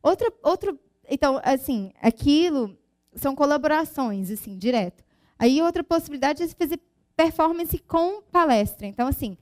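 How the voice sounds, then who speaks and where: A woman's voice: high voice, no room sound. Chatty woman giving a science talk. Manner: chatty, frequent tag questions and restarts; explains with lively everyday examples. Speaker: physicist giving a conference talk. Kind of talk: informal conference presentation.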